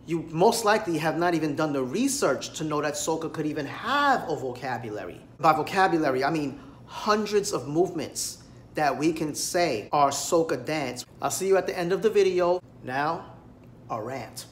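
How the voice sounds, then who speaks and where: An American dance vlogger in his thirties rants and lectures straight into a phone camera held at arm's length in a small room. His slightly high voice is expressive and emphatic at normal speed, addressing the viewer directly, with a little hiss or hum in the audio.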